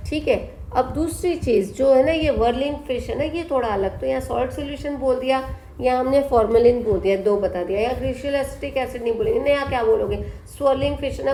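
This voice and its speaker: A woman teaching a biology exam-prep lesson, reading textbook lines slowly, then explaining them, asking questions and answering them herself. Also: high voice, warm tone. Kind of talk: exam-prep lesson in mixed Hindi and English. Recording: echoey room, faint background noise.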